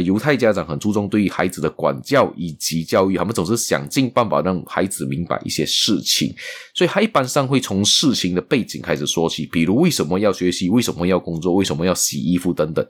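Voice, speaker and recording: A man telling a moral story in a casual, unhurried way, often repeating words and trailing off with particles. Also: low voice, slightly rough.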